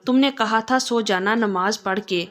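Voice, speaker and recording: A woman's voice: medium pitch, moderate pace, fairly bright tone, close to an everyday voice. Woman doing a fond teasing young husband. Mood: grumbling. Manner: fond and playful.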